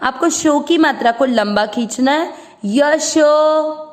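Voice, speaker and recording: A woman's voice: sits high, lively intonation, moderate pace. A woman teaching Sanskrit verse pronunciation, patiently breaking words into syllables and stretching out each sound. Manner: patient, drawing out syllables and repeating each word. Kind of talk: slow syllable-by-syllable pronunciation lesson.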